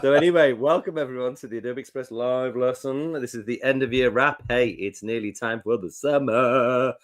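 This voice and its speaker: A man's voice: medium pitch, normal speed. A man from North Wales co-hosting a live lesson in a casual, jokey presenting style.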